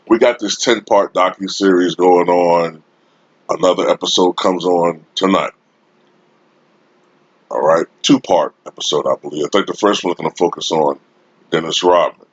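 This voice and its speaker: Speaking slowly and with emphasis, a deep, husky-voiced man rants casually and opinionatedly, like an informal sports commentator addressing online viewers, drawing out his points and leaning on frequent rhetorical tags. A Blue Snowball-type desktop USB mic captures him close and dry, though a bit dull, with no room sound.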